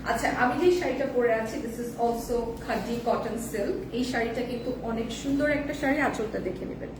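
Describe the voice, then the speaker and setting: A hoarse woman hosting a live selling stream, chatting casually and mixing in English phrases, heard in an echoey room with the mic at a distance. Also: on the high side, a little fast, noisy background. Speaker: live-sale host.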